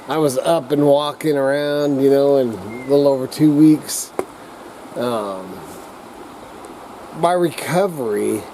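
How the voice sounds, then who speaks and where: A middle-aged or older man with slightly slurred speech, rambling casually to camera as a vlogger in a halting, folksy, coarse-mouthed redneck way. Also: medium pitch, noisy background. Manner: halting, drawn-out, searching for words.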